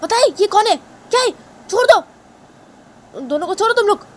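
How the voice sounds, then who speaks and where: A woman voicing a man who gives insistent orders and calms others down. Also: high-pitched, fairly quick, slight background noise, voice pushed up. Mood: commanding. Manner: commanding, insistent.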